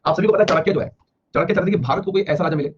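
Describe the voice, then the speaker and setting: A man teaching history in a classroom lecture, explaining rapidly and repeating himself, with an Indian accent. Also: high voice, slight background noise. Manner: rapid, repetitive explaining, slowing to read English lines aloud. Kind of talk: classroom lecture mixing Hindi and English. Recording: dull lo-fi classroom recording with faint ambience.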